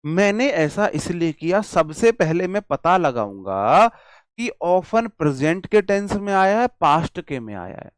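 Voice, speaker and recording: A man from India teaching an English grammar class, speaking slowly and emphatically, drawing out example words and asking questions he answers himself. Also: high voice, very animated, smooth, dry recording, studio quality. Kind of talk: classroom lecture.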